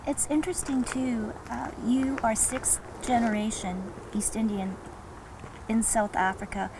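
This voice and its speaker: A woman hosting an interview, asking soft-spoken, sympathetic questions. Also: a little high, fairly even intonation, measured pace, background noise. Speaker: host. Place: home.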